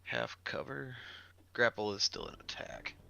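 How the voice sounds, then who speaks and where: A man's voice: medium pitch, expressive, measured pace, gravelly, bright, forceful tone. A man playing a tabletop game over a voice call, casually blunt with rules reminders. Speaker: player.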